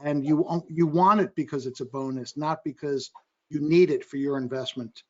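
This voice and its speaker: Brisk, energetic investor man on a panel. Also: on the high side, highs cut off. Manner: energetic, quick, self-interrupting. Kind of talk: panel discussion. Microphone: video call.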